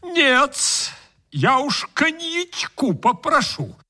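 A man's voice: extremely high pitch, very animated, extremely slow, sharp tone, pitched above the performer's own voice, heavily acted. A man doing a greedy, cackling dinner guest. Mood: gleeful. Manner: boisterous, laughing, gloating. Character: greedy jolly male dinner guest, pushy. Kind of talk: humorous story reading.

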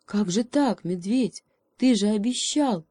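A woman voicing a clever raven who caws and makes loud announcements. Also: mid-range voice, expressive, slow, no echo, pitched above the performer's own voice. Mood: reproachful. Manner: proclaiming, cawing. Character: clever male raven calling everyone loudly.

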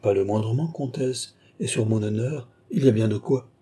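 A man voicing an old, fawning male courtier who speaks in a mincing, flattering way. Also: medium pitch, normal speed, breathy edge, close to an everyday voice. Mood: sly.

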